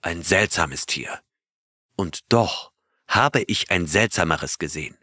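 A man's voice: deep voice, expressive, slow pace, pushed and bright, no room sound, studio quality, exaggerated voice. A man reading an earnest astronaut storyteller. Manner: earnest storytelling, asks listeners questions. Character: male astronaut telling his adventure to his crew. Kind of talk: audiobook reading of a character's tale.

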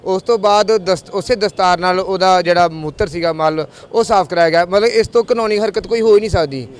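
A man from Punjab, India, a community volunteer giving a passionate statement to a reporter. His voice is high and smooth, and he talks fast, pausing on hesitation sounds. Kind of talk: news interview statement.

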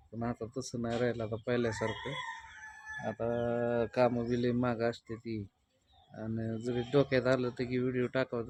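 A man's voice: medium pitch, darkish tone. Guy vlogging from his village, teasing and chatty, faint noise in the back. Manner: chatty, teasing, rustic Marathi. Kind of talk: casual vlog chat. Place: village home outdoors, early morning.

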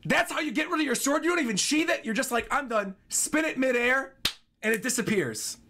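A young streamer reacts live to game trailers from a small indoor bedroom, with trailer music playing, giving enthusiastic, chatty commentary and often repeating himself. His voice is extremely high, sharp, and animated, fairly quick, with a little hiss or hum.

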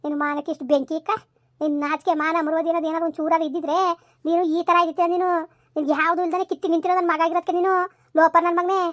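A woman's voice: very high-pitched, little pitch movement, very fast, no echo, studio quality. A woman playing a furious village mother who scolds her son in a rural comedy skit, hurling repeated insults. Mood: scolding.

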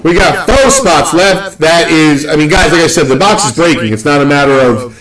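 A young man from the Northeast US hosting a live card-opening stream, rambling and joking with excitement. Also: a little high, moderate pace, crowd noise, poor audio. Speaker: card break host.

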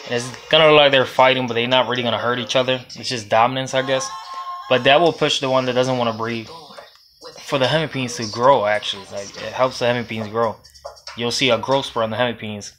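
Soft music plays behind a young Puerto Rican-accented reptile breeder as he films a casual, meandering how-to vlog in his indoor reptile room lined with storage tubs, phone held close at arm's length. His mid-range voice is steady, quick and fairly bright, and he laughs and swears along the way.

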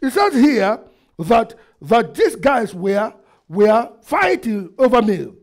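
A middle-aged man, preaching a sermon into a headset mic in a church hall, asking the congregation questions and swinging between loud and quiet. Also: very high-pitched, sing-song, slow. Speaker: pastor. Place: church hall with projector screen, indoors.

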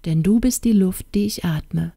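A woman's voice: mid-range voice, moderate pace, gravelly, mellow, breathy edge, no room sound, clean studio sound. A woman reading a tender, lovesick young dreamer. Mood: ardent. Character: lovesick young male gem-cutter, gentle dreamer. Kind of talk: storybook reading.

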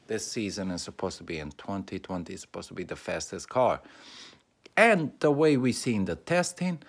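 Very low-voiced Albanian-accented man. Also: gravelly. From North Macedonia. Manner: halting, many fillers and restarts. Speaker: YouTuber. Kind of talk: casual race preview monologue.

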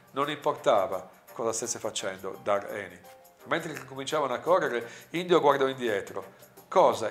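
Guy reading a story out loud, stops now and then to muse with lots of ehs, soft music under him. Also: mid-range voice. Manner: slow, reflective asides with fillers between dramatic reading. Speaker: narrator and reader. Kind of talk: reading a story aloud with personal asides. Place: room with a director in front of him.

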